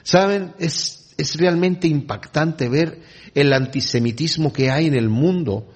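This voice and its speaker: A man with a fairly high-pitched voice and a measured pace teaches a Bible lesson in a sermon. He reads scripture aloud, then explains it in conversational asides.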